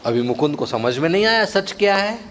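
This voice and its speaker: Casting: male preacher, animated storyteller, slightly high voice, mixes in English words. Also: brisk, slight background noise. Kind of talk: devotional storytelling talk.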